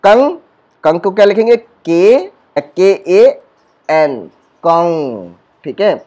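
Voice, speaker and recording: A male school teacher with an eastern Uttar Pradesh Hindi accent, giving a patient whiteboard lesson that repeats points, asks rhetorical questions and stretches sounds slowly. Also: sits high, lively intonation, a little mellow.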